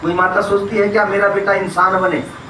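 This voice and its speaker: A man's voice: sits high, level tone, normal speed, bright, forceful tone, slight background noise. A man from Uttar Pradesh giving a sermon in a religious hall. He asks the congregation rhetorical questions, answers them himself, and tells everyday stories to make moral points. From Uttar Pradesh, India. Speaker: preacher. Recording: echoey hall, distant mic.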